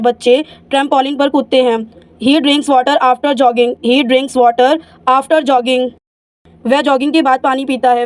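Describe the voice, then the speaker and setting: High-voiced woman reading drills. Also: a little mellow, no room sound. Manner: says each sentence twice, English slowly, Hindi quickly. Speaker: English teacher.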